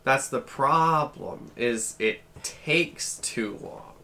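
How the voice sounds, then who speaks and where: Slow, unhurried man chatting. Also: medium pitch, noisy background. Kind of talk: casual chat.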